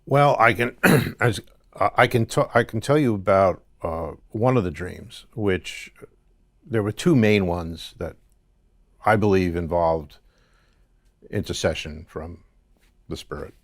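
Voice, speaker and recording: A middle-aged man interviewed as a guest, telling his story in a halting conversational way with many restarts. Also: sits low, no room sound, studio quality. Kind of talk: conversational testimony.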